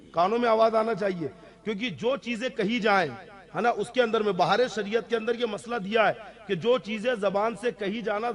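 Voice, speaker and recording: A man, an Islamic scholar, answering audience questions on religious rules, stressing key points and often checking that listeners follow. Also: sits high. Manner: emphatic, repeats key rulings.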